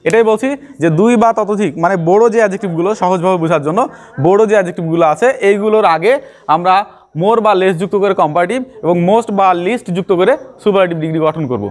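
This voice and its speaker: A man's voice: high-pitched, quick pace, darkish tone. A man teaching English grammar in a classroom style, explaining step by step and repeating key terms.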